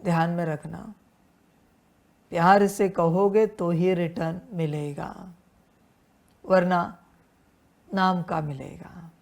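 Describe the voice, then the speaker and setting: A woman preaching a devotional sermon in a slow, unhurried way, with a voice that sits a little low. She addresses her listeners as children and returns again and again to rhetorical questions and refrains. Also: steady tone, vocal fry. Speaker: spiritual teacher.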